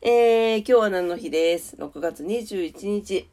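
Slightly slow and dark in tone, a woman's mid-range voice sounds congested and nasal as she hosts a morning radio-style show on her own. Her chat is polite and casual, covering weather and daily notes.

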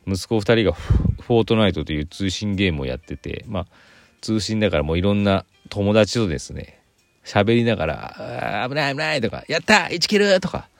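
A man's voice: low-pitched, creaky, dry recording. A middle-aged man hosting a casual solo podcast. He rambles with lots of fillers and corrects himself mid-sentence while recording inside a parked car in a garage. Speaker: podcast host.

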